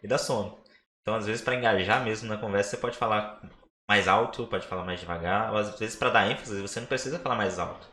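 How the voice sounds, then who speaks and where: A Brazilian man co-hosting a nutrition podcast in easy conversation. He talks fast by habit and then slows right down to stress a point, his voice a little low. The room is echoey, with a faint hiss behind him. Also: steady tone, sharp tone. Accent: Brazilian Portuguese. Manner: quick talker who slows down to stress points. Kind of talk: casual podcast discussion.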